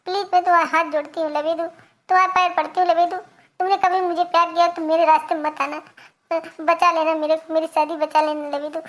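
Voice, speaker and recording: A young village woman from a cartoon comedy, voiced by a performer, speaking with an Awadhi accent. The voice is high and soft as she pleads and coaxes. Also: level tone, brisk. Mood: pleading.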